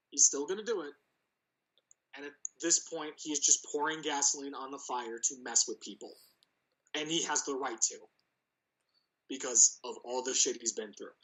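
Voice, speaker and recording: A man's voice: a little high, a bit bright, low-quality recording. A man co-hosting a podcast in casual chat, rambling with lots of restarts and cursing freely. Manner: rambling, stammering restarts, heavy swearing. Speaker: podcast co-host.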